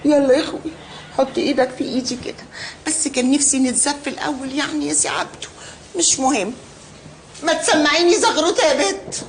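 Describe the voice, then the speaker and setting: An actress with an Egyptian accent playing a brash newlywed stepmother in a film comedy, quarrelsome with sharp comebacks. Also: high-pitched, fast talker, slight background noise. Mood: doting. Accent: Egyptian Arabic. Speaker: new wife in a comedy film.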